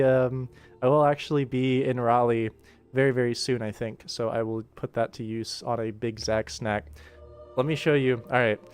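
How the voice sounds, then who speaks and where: While working on a livestream, this animator from the United States makes casual conversation, at times muttering half to himself. He has a medium-pitched voice that is clear, resonant and darkish in tone.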